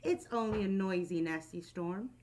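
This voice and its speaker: A woman voicing a calm, sensible male animal who reassures his friends in a storybook. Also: normal speed, a little hiss or hum, close to an everyday voice. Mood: soothing. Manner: steady, reassuring, lower than narration.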